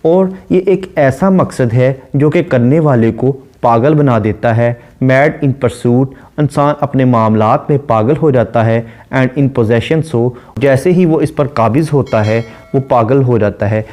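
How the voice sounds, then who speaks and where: Male lecturer, mellow warm tone, measured explanatory delivery. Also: medium pitch. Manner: reads verse lines slowly, then explains in measured prose. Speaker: literature lecturer.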